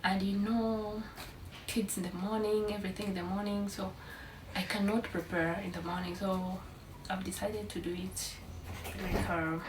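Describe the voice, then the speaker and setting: A woman's voice: mid-range voice, little pitch movement, moderate pace. A young woman from Uganda, a mother of twins, chatting tiredly and affectionately to her vlog viewers. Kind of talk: casual family vlog. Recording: echoey, distant, noisy.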